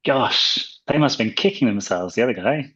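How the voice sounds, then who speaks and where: A man's voice: mid-range voice, lively intonation, normal speed, fairly bright tone, breathy edge. Playful male host, dull lo-fi audio. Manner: playful, joking and laughing along. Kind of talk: casual chat. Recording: dull lo-fi sound.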